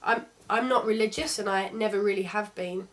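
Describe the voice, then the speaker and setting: A woman's voice: medium pitch, fairly quick. Chatty young woman. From London. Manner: chatty and candid, with frequent restarts. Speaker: travel vlogger. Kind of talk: casual travel vlog narration.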